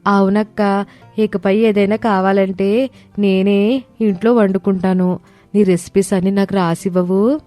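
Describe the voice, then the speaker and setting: A woman voicing an eager young daughter-in-law in an animated story, pleading playfully. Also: medium pitch, a little slow, soft background music, close to an everyday voice.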